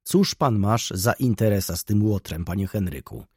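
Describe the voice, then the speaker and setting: A man reading an audiobook, voicing an indignant old shop clerk who speaks scornfully and gruffly. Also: lowish voice, lively intonation, moderate pace, a little mellow, no room sound, clean studio sound.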